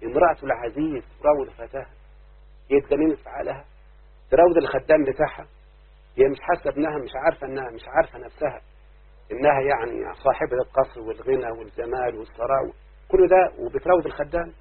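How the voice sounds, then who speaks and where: Egyptian male grammar teacher, brisk and husky, muffled phone-like recording. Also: mid-range voice. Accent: Egyptian Arabic. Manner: keeps asking students if they understood; chants verses slowly. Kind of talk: classroom grammar lesson.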